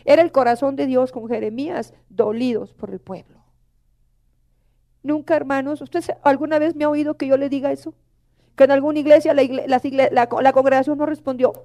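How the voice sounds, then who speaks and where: A woman's voice: high voice, mellow, dull audio. A middle-aged woman preaching a sermon, emotional and pleading, often calling out to the congregation.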